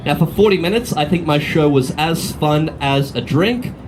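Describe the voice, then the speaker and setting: Traffic and street sounds surround a Melbourne performer as he gives his sword swallower's comic patter outdoors in the city. His Australian voice is fairly high and expressive at a normal pace, and he teases the crowd and volunteer like a cheeky showman.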